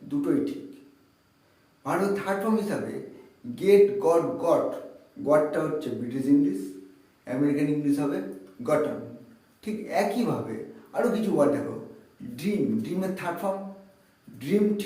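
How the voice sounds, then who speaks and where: Male tutor, fairly high mellow voice, echoey room, mic at a distance; keeps quizzing and answering. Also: expressive. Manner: quizzing the viewer and answering himself, repeating key words slowly. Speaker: English tutor. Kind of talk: spoken language lesson to students.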